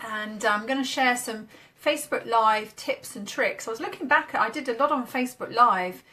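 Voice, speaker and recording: A woman's voice: on the high side, normal speed, pushed and bright. A woman from the UK, a marketing coach, chatting upbeat and casual on a live stream while demoing on screen. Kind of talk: casual Facebook Live chat.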